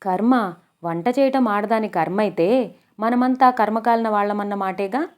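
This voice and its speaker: A woman's voice: medium pitch, normal speed, close to an everyday voice. A woman doing a firm, protective middle-aged aunt. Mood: reasoning. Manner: firm, reasoning, gently reproachful.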